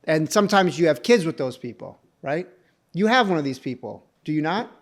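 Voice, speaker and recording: A man's voice: on the high side, big pitch swings, fairly quick. A man co-hosting a podcast in casual chat, teasing his friend with mock-serious jokes. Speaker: podcast co-host.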